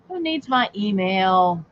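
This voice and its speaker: A woman's voice: mid-range voice, animated, very slow. Giggly middle-aged woman, lo-fi stream. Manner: giggly, joking, chatty. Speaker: co-host. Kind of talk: casual livestream chat. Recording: dull lo-fi stream audio with faint hiss.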